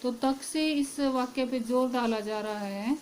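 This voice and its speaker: A woman's voice: fairly high pitch, measured pace, darkish tone, slight background noise, low-quality recording. A woman teaching a Hindi grammar lesson, asking her class questions and then answering them herself.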